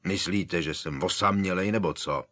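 A man voicing a huge, gruff half-giant gamekeeper who talks loud and grumbling. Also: low-pitched. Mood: grumpy.

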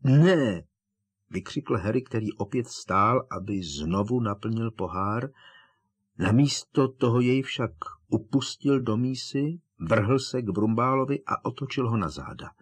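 A man with a husky voice reads an audiobook in a steady, dramatic storytelling style. His pitch sits in the usual middle range for a man. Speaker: audiobook narrator. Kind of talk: scripted narration.

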